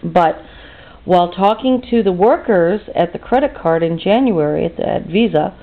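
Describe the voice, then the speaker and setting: A woman's voice: on the low side, lively intonation, normal speed. A tired American woman in her fifties, chatting and ranting indignantly in a rambling vlog monologue. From United States. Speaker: vlogger. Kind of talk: casual monologue rant. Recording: tinny phone-like audio.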